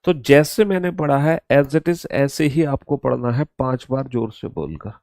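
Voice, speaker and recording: A man teaching an online exam-prep reasoning class, dictating slowly to his students and repeating each instruction. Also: medium pitch, vocal fry, a little mellow, no echo.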